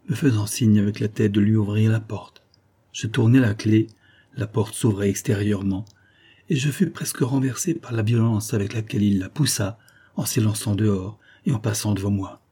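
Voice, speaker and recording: A man reading a literary story aloud in a measured, even narrating voice. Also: lowish voice, breathy edge. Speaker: audiobook reader.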